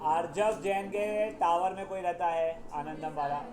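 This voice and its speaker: A man's voice: on the high side, steady tone, a little slow, crowd noise. A man teaching a math class, walking students through problems step by step, calling out to them, scolding and joking in between. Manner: calls out to students, scolds and jokes between explaining steps. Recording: echoey classroom.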